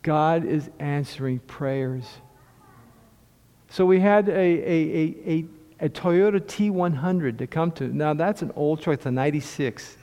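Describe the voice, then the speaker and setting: A man's voice: on the high side, a little slow, mellow. Man preaching in a reverberant hall. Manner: conversational storytelling with repeated restarts. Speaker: lay preacher sharing testimony. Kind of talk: sermon testimony.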